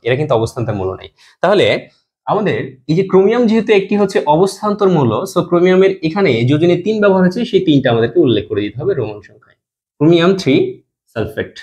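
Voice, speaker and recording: This chemistry teacher's voice sits fairly high and has a slightly mellow quality. Working step by step, he answers his own questions, and his pitch drops as he finishes each compound name.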